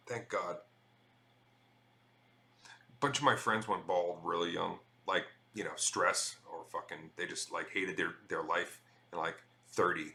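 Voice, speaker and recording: Chatty bright-voiced man streaming live. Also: on the low side. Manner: chatty, swears freely, reads chat aloud. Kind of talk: casual live-stream chat.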